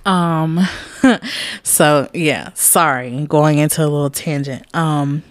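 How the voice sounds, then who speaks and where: A woman's voice: low voice, slow, dry recording, clean studio sound. A woman in her late twenties talking candidly in a casual personal monologue, rambling and laughing often. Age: late 20s. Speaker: podcast host.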